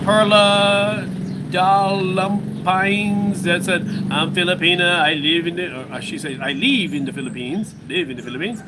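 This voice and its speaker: An American man chats loosely on a home livestream and drifts from one musing to the next. His voice sits fairly high for a man. Steady background noise runs under the recording. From United States. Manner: rambling, musing aloud to viewers. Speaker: livestream host. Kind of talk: casual livestream chat.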